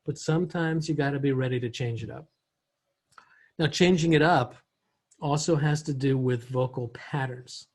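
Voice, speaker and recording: A man giving a recorded training lesson on communication, conversational, often acting out voices and switching pitch and pace to demonstrate. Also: moderate pace, a little mellow. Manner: conversational, asks rhetorical questions.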